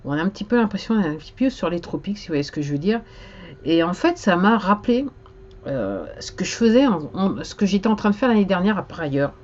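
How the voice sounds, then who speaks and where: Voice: mid-range voice, big pitch swings, fast talker. A singer-songwriter from France chatting unscripted on a live stream, rambling and hesitant with many restarts. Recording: slightly dull lo-fi sound.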